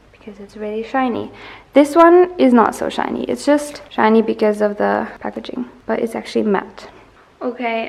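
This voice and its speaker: Chatty young woman with a gravelly edge. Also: on the high side. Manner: chatty, laughs often, many ums. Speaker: artist vlogger. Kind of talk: casual studio vlog. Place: home art studio.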